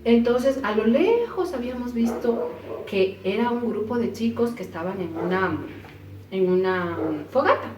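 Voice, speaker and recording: A woman casually telling a personal story, acting out quoted voices with sudden jumps in pitch. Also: expressive, measured pace, crowd noise. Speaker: storyteller recounting an experience. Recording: roomy echo, voice from a distance, faint noise.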